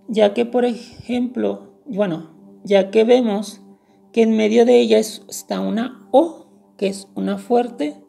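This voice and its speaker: A woman's voice: a little high, gravelly, mellow. A woman teacher giving a recorded lecture to her students, explaining step by step in a patient way and correcting herself now and then.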